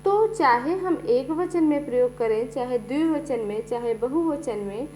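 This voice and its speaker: A woman's voice: high voice, lively intonation, unhurried, darkish tone, low-quality recording. A woman teacher explains a lesson step by step, often saying "ठीक है" as she goes. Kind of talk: slow classroom explanation. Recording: faint mains hum.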